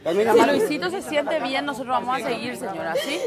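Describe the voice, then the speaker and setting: A woman's voice: high-pitched, big pitch swings, normal speed. A woman TV host in a live studio, talking in an urgent, pleading way. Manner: pleading, then angry and cursing. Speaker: TV host, prank target. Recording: loud crowd and music in studio.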